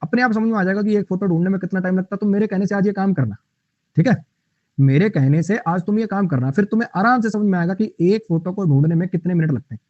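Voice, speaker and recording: A man's voice: high-pitched, quick pace, no echo, highs cut off. A male teacher explaining English vocabulary in Hindi in an online class, repeating himself and chatting with viewers.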